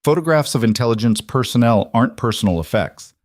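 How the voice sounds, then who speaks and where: A man's voice: mid-range voice, expressive, quick pace, no room sound, natural voice. A man voicing a suspicious male federal agent in an audiobook, asking probing, pointed questions.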